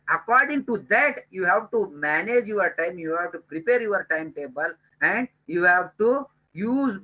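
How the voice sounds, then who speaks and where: A man's voice: sits high, pushed and bright, rough recording. A man giving a time management webinar lecture, earnestly repeating key points and addressing listeners as dear friends.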